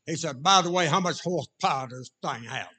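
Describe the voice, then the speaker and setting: Raspy Southern preacher man with a folksy drawl. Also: a little high, animated, brisk, bright, forceful tone. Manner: folksy drawl, talking directly to the congregation. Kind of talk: informal sermon with jokes and shouts of praise.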